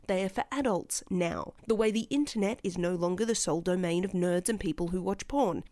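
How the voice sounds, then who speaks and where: A woman's voice: mid-range voice, a little mellow, no echo. A woman hosting a podcast, delivering a scripted monologue in an impassioned, sardonic way and speaking to the listener as player two. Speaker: podcast host.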